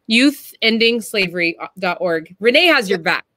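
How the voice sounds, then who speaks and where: Lady hosting a video call event, bright voice, gushes and stumbles over words. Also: mid-range voice, lively intonation, normal speed, dry recording, studio quality. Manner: warm-hearted, effusive, repeats words. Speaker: event host. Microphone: webcam video call.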